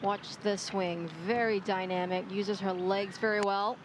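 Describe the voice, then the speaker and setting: Female golf analyst, medium-pitched voice, live commentary, faint ambient noise. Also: steady tone, unhurried.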